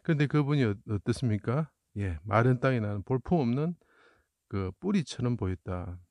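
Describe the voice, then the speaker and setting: A man's voice: mid-range voice, lively intonation, moderate pace, darkish tone, no room sound. A man explaining Bible verses through Chinese characters, asking rhetorical questions and then answering them. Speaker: Bible teacher.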